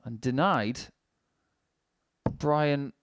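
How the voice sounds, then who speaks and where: A man's voice: mid-range voice, very slow, no room sound. A man commentating on darts in a chatty, joking style, full of wry anecdotal banter.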